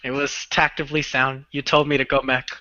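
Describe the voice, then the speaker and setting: A man's voice: mid-range voice, flat delivery, fairly quick, pushed and bright, highs cut off, slight background noise. A man giving casual gaming commentary, joking and explaining strategy and swearing freely. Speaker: co-player and commentator.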